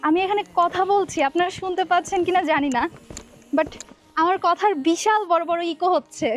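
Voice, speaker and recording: Female travel vlogger, high voice, awestruck, recorded in a cave with a cathedral echo. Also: fairly quick, soft background music. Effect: big cathedral-like echo inside a cave. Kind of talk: casual travel vlog narration. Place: inside a deep cave.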